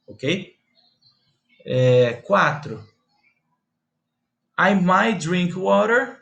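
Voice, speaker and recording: A man's voice: on the high side, creaky, a bit bright. A Brazilian man with a Brazilian Portuguese accent teaching English grammar patiently, repeating himself and checking in with the listener often. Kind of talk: slow grammar lesson explaining English to Portuguese speakers.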